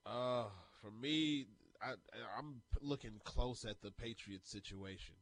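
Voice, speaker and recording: A man's voice: medium pitch, a little slow. A man co-hosting a morning sports talk radio show, chatting casually and jokingly with lots of fillers. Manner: jokey, rambling, with many fillers. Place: radio studio.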